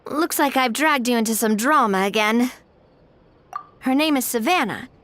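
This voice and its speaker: A woman voicing a calm, resolute young leader. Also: fairly high pitch, moderate pace, close to an everyday voice. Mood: explaining. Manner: calm, firm, explanatory. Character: composed young woman leading a mediating group, resolute. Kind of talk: game voice acting.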